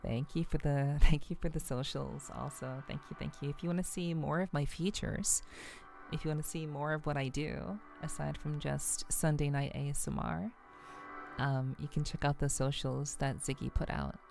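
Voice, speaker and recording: Soft music plays faintly behind a female VTuber as she chats with viewers on a laid-back ASMR stream. She talks in a calm, halting, unhurried way, and her low, gentle voice carries a lot of vocal fry.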